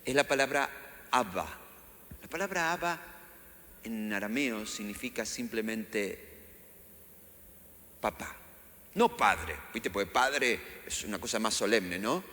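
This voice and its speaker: In a church hall, a middle-aged pastor with a Rioplatense Spanish accent preaches, acting out quotes and suddenly raising his voice. His pitch is fairly low with lively intonation and a sharp tone, delivered slowly with long pauses. The hall sounds echoey, with faint ambience.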